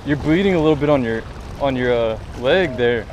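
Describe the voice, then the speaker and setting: A young man giving casual, excitable fishing commentary in slangy, exclamatory phrases. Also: mid-range voice, brisk. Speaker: fishing vlogger. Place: outdoors on a rocky jetty by the water. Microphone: action camera worn on the body. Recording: noisy outdoor action camera by water.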